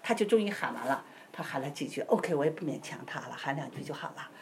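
Lively woman telling a healing testimony. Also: low-pitched, fast talker. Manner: keeps asking "you know?", acts out voices. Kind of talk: animated testimony storytelling.

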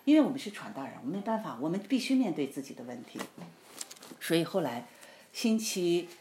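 A woman pastor telling a personal faith story in a casual interview, animated and laughing often as she acts out what people said. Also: lowish voice, a little fast. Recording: roomy echo with faint noise.

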